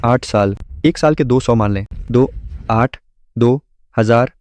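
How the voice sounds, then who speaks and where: A man's voice: medium pitch, slow, darkish tone, no room sound, lightly acted. A male dub actor playing a greedy relative who eagerly agrees with everyone and fawns over them. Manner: eager and fawning. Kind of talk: Hindi dub acting.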